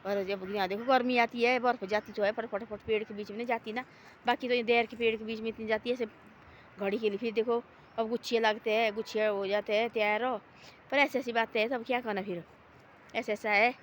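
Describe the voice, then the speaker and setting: Homely woman, rambling, slightly high. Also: steady tone, a little fast, slight background noise. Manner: homely, repetitive, gently moralizing. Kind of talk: casual rambling talk. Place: outdoors in a forest.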